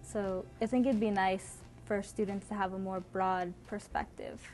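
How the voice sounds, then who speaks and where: A woman's voice: mid-range voice, steady tone, moderate pace, a little mellow. A woman student with a mid-range voice speaks earnestly and a little hesitantly. Faint music sits in the background. She is recorded for a documentary interview. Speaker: college student.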